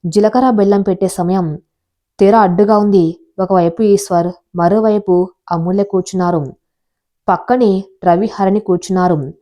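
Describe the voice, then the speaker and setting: A woman reading a scripted story in a steady, measured way. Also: mid-range voice, highs cut off. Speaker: narrator.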